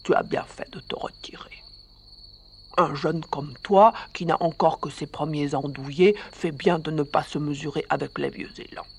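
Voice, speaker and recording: A narrator voicing a calm, wise male dog who gives advice in a radio story reading. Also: mid-range voice, normal speed, vocal fry, slightly rough. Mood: advising.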